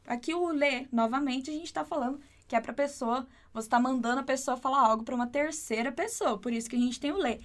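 A woman teaching Spanish, explaining patiently and repeating words slowly and clearly. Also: high voice. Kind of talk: online language lesson.

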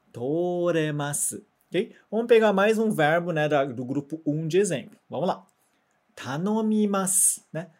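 A man teaching a grammar lesson, patient and methodical, saying example words slowly for repetition and ending sentences with quick check-in tags. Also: fairly high pitch, a little mellow. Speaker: Japanese language teacher.

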